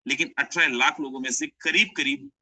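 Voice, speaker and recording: A young man runs an online sales webinar, coaxing listeners to stay and often calling them his friends. His voice is sharp, bright and tense. The sound is dry and close, as on a video-call mic. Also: mid-range voice, steady tone, moderate pace, no echo, rough recording. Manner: persuasive, repeats "my friend", mixes English phrases. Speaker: webinar presenter.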